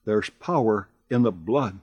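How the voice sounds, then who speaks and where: A man preaching a radio sermon, earnest and exhorting, with slow emphatic pauses. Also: fairly low pitch, lo-fi sound, heavy background noise. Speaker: pastor.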